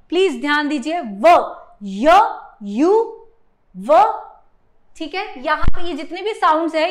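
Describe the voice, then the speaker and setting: Indian woman tutor, high-pitched, unhurried delivery, sounds words out slowly. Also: fairly bright tone. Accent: Indian English. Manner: mixes Hindi and English, says "ठीक है" often; spells out sounds slowly for emphasis. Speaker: English grammar tutor. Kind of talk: classroom-style grammar lesson.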